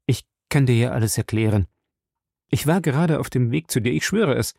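A man reading an audiobook and voicing a sheepish husband who pleads softly and hurries through his excuses. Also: medium pitch, lively intonation, fairly quick, vocal fry, slightly rough, dry recording, studio quality. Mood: pleading. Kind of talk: audiobook character voice.

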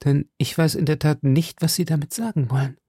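A man's voice: a little high, steady tone, a little fast, dark tone, breathy edge, dry recording, studio quality, voice pushed up. A man voicing a cold, scheming young noblewoman who speaks in a cutting, mocking tone.

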